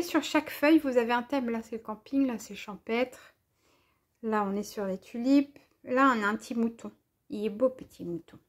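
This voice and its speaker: A woman's voice: high-pitched, a little mellow. A French woman showing off craft paper and stickers in a casual, enthusiastic haul video, gushing over each item. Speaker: crafting vlogger.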